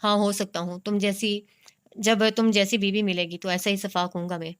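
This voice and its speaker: A woman reads a cold, domineering young husband from a romance storybook, calm and curt, never raising his voice. The voice is clear and smooth, with a flat, even pitch that keeps him sounding unmoved. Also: natural voice.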